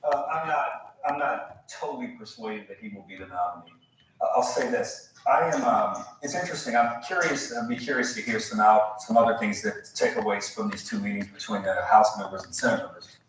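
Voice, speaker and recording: A man with a fairly low voice weighs his words slowly and hesitantly, restarting often. He sounds set back from the mic in a very echoey room. Faint ambient noise hangs behind. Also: fairly bright tone, distant mic. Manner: hesitant, thinks aloud with fillers. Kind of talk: measured panel analysis.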